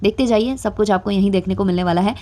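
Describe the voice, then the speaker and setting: A woman's voice: mid-range voice, fast talker, warm tone. Chatty woman giving gossip commentary. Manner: chatty, frequent filler sounds, mildly sarcastic. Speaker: commentary vlogger.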